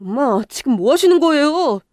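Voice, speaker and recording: A woman's voice: high voice, very animated, moderate pace, a little mellow, no room sound, studio quality. A woman voicing a pleading teenage son.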